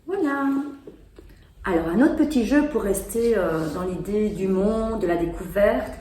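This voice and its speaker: A woman's voice: mid-range voice, animated, unhurried, warm tone. A woman casually presenting and demonstrating children's board games, explaining as she plays. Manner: chatty, explaining while playing. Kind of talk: casual product demo. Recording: echoey room with faint noise.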